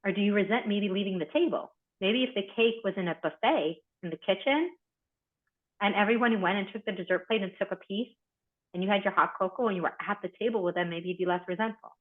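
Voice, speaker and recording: A woman hosting an online group, coaching members with animated, encouraging talk and reflective questions. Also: medium pitch, quick pace. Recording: tinny phone-like video call audio.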